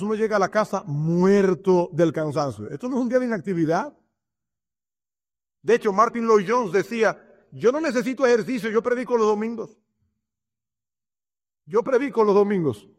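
A male pastor delivering a sermon in a high-pitched voice. He reads verses and stresses his points with changing emphasis, now and then acting out little scenes. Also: a little mellow. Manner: preaching with shifting emphasis and acted examples.

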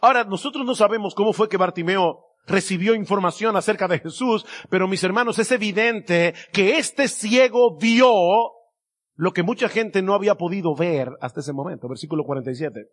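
A male preacher delivering a sermon, emphatic and slowing down to stress key words. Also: high voice.

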